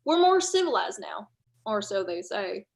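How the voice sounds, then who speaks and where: A woman's voice: mid-range voice, big pitch swings, measured pace, creaky. A young woman voicing a folksy male stage manager who chats to the audience in a school play reading. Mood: wry. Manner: chatty, plainspoken storytelling. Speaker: student actor.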